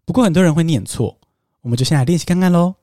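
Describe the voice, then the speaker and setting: A man hosts a podcast lesson on English pronunciation, explaining patiently and slowing down for emphatic asides. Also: on the high side, dark tone, no echo, clean studio sound. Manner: patient and coaxing, drops to slow emphatic asides.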